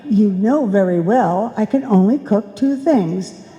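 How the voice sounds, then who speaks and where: In a live old-time radio comedy, a woman plays a fussing, nagging wife, firing off theatrical scolding exclamations in a warm, expressive, unhurried voice of medium pitch. It's lightly acted on an indoor stage before an audience, and the audio is dull with the reverb of a hall.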